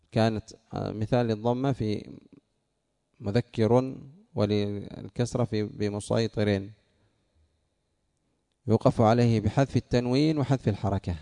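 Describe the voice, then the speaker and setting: A man's voice: medium pitch, vocal fry, warm tone. A man teaching a classroom lesson, explaining rules step by step and quizzing his students with questions. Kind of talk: classroom lesson on Arabic morphology.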